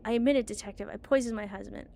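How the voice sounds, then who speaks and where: A woman's voice: medium pitch, very fast, vocal fry, mellow, a little hiss or hum, lightly acted. A woman voicing a defiant, reproachful mother in a dramatic mystery game. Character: defiant, self-justifying mother confessing to poisoning her husband.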